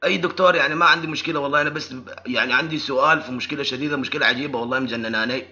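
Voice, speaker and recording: A man's voice: mid-range voice, very fast, bright, forceful tone. A man voicing an insistent, complaining Sudanese caller with a Sudanese Arabic accent in an improvised prank call. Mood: worried, embarrassed.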